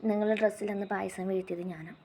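A woman's voice: mid-range voice, steady tone, warm tone, lightly acted. A woman playing a feisty young woman. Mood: mock-indignant. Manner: quick, mock-indignant.

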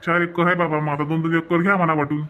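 An old cartoon village father with a Varhadi Marathi accent, voiced by a man, fussy and placating. His voice is bright and a little raised, and he hurries through his words. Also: a little high, flat delivery, fast, dull audio, slight background noise, lightly acted. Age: older. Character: old village father, tired peacemaker of the family. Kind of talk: cartoon voice acting.

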